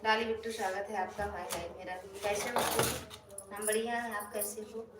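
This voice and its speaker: A woman's voice: medium pitch, level tone, fairly quick. A woman from Uttar Pradesh with an Awadhi accent, hosting a casual live stream and teasing viewers she greets by name. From Uttar Pradesh, India. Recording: roomy, far from the mic, crowd noise.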